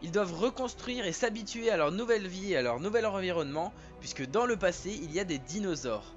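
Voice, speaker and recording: A man's voice: high-pitched, lively intonation, fairly quick, highs cut off, soft background music. A man chatting casually to his viewers as he presents and reviews a TV series. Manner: chatty, addresses viewers directly.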